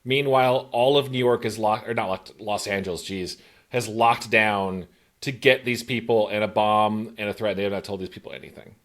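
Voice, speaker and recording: A man's voice: fairly low pitch, fairly even intonation, normal speed, fairly bright tone. A man in his thirties hosting a podcast, chatting casually, joking and rambling into tangents. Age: 30s. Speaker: podcast host. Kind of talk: casual chat.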